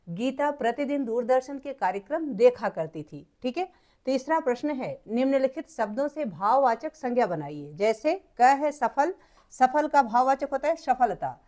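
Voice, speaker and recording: A woman's voice: high voice, a little mellow. A woman teacher patiently working through textbook exercises step by step, repeating points for her students. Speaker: Hindi teacher.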